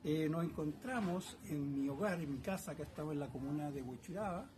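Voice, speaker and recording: A man's voice: a little high, a little fast, noisy background. An older man in his sixties with a Chilean accent shares his life story as an artist. He speaks reflectively, hesitating often and tossing in little tag questions. His voice carries the echo of a roomy home workshop. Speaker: painter being interviewed. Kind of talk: casual reminiscing interview.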